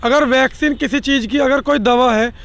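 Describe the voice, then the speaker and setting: Very high-voiced argumentative man. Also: fairly even intonation, normal speed, gravelly, fairly bright tone. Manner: argumentative, emphatic. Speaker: interviewee.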